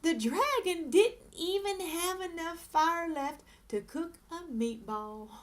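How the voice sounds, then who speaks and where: A woman reading a children's story aloud as an expressive narrator. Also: extremely high pitch, takes it slowly.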